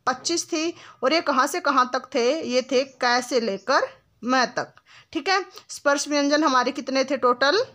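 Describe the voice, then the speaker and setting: A woman's voice: high-pitched, sharp tone. A woman teaching Hindi grammar. She asks a question, answers it herself, adds "ठीक है" again and again, and speaks to the students affectionately as "बेटा". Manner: calls the listener "बेटा", patient and instructive; stretches sounds and examples out slowly. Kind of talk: classroom lesson explanation.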